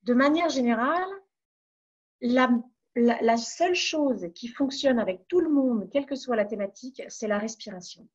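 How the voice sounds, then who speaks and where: A woman from France giving calm advice as a webinar coach, pausing on fillers and restarting her phrases. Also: on the high side, breathy edge, muffled recording. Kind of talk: online webinar talk.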